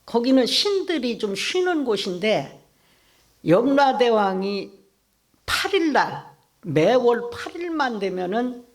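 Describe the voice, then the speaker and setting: Brief: Buddhist monk, sermon in a temple hall, mid pitch, chatty, quizzes listeners. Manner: conversational, quizzes the audience. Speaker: Buddhist monk giving a dharma talk.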